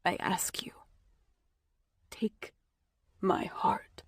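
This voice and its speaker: Woman reader doing a wounded male lover: breathy, slow, pleading, dry booth. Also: medium pitch, no room sound. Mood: grave pleading. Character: brooding wounded male vampire-like lover, grave. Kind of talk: audiobook character voicing.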